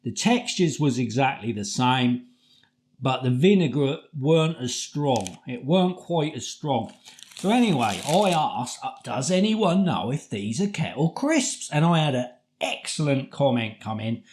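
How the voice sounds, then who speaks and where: A man's voice: mid-range voice, big pitch swings, measured pace, darkish tone. Middle aged british guy, chatty and informal, reviewing food on camera in his kitchen. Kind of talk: casual review chat to camera. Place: home kitchen, indoors. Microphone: camera across the table.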